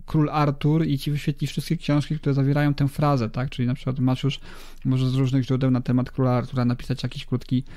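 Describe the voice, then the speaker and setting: A man hosting a podcast, explaining things in a halting way and repeating words. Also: mid-range voice, completely flat delivery, warm tone, no room sound. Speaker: podcast host. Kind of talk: casual chat.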